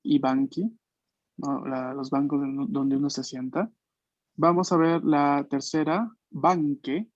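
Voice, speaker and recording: A man's voice: on the high side, fairly even intonation, measured pace, dry recording, lo-fi sound. A man teaching an online language class, explaining patiently and checking in with frequent questions. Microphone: video call.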